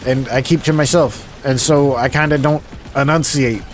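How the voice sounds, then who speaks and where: A man from the suburbs, chatting casually on a live stream, mumbling a little, talking fairly slowly and rambling with restarts. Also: medium pitch, fairly even intonation, a little hiss or hum. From Philadelphia suburbs, USA.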